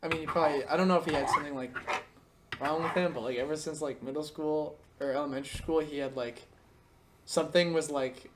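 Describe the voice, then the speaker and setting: A young man hosting a casual podcast, telling animated stories with laughter and quick impressions. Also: a little hiss or hum. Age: young adult. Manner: animated storyteller, breaks into laughter and high-pitched impressions. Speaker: podcast host. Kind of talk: casual chat.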